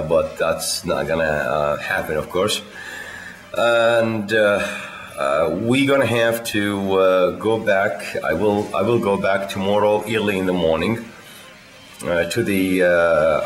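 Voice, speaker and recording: A man from Iraq, talking in a casual video diary, halting and full of filler sounds. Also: low voice. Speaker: vlogger.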